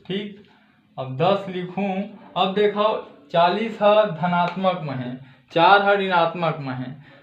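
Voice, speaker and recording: A man's voice: sits high, slow pace, echoey room, dull audio. A man with a Chhattisgarhi accent teaching a math lesson step by step, saying "okay" again and again and answering his own questions. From Chhattisgarh, India. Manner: says "theek hai" constantly, asks and answers his own questions.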